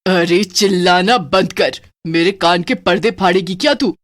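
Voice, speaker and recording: A woman's voice: lowish voice, unhurried, lightly acted. A woman voicing a scornful, menacing female witch spirit who talks down harshly and mockingly.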